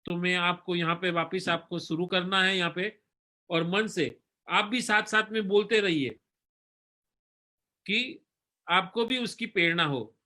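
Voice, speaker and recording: A man giving a religious sermon, then slowly reciting a devotional hymn line by line for listeners to repeat. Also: high voice, pushed and bright. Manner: earnest, instructive, leads the chant slowly line by line. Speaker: spiritual teacher. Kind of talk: sermon and slow stotra recitation.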